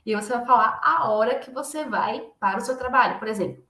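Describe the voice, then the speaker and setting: A woman's voice: on the high side, fast talker, sharp tone. A woman who is an English teacher, giving a live online lesson, explaining patiently step by step and checking in with her class often. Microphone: computer mic in a live stream, screen shared. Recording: echoey room.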